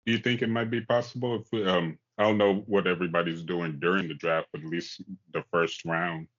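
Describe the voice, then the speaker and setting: A man's voice: low voice, fairly even intonation, brisk. Guy ranting about hoops, cussing a lot, dull lo-fi sound. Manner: heated, profane, rising to near-shouting. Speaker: podcast co-host. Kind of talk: casual sports rant.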